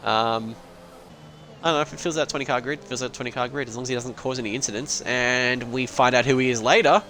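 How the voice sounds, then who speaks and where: A man's voice: mid-range voice, steady tone, quick pace, a bit bright, soft background music. A young man giving loose, rambling live commentary on an online sim race, joking and swearing as he goes. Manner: casual, rambling, swears and laughs.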